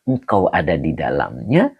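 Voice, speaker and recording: Guy teaching a grammar class online, low husky voice, slow and chuckly, dry close sound. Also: no room sound. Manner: relaxed, chuckles often, slow drawn-out Arabic words. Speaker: teacher of Arabic grammar in a religious study session. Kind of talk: online livestream lesson, reading comments.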